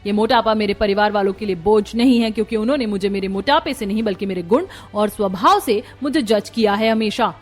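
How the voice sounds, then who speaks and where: A woman voicing a proud, outspoken young bride in a cartoon story, talking forcefully. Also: medium pitch, fairly quick, few pauses, soft background music, lightly acted. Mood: indignant. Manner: forceful, indignant.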